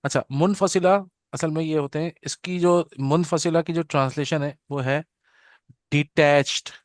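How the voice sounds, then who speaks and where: A man teaching an Arabic grammar class. He repeats each term slowly and keeps checking that his students follow. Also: fairly high pitch, fairly even intonation, no echo, studio quality. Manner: patient, repeats terms slowly with frequent "theek hai na" check-ins; leads students in call-and-response repetition. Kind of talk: live grammar lesson.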